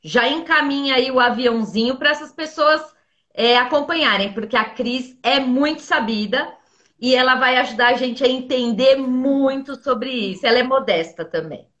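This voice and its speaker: Female host, slightly high voice, warm-up for a live chat, reassuring and encouraging. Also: moderate pace, dull audio. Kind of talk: casual live-stream chat.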